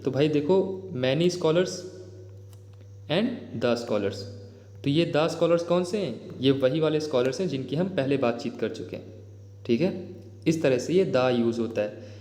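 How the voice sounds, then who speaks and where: A man with an Indian accent teaching a grammar lesson in a chatty way, often checking in with his viewers and reading example sentences slowly. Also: mid-range voice, warm tone. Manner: addresses viewers as "bhai", frequent "theek hai?" check-ins; reads English example sentences slowly and deliberately. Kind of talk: explanatory exam-prep lesson. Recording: echoey room with long reverb.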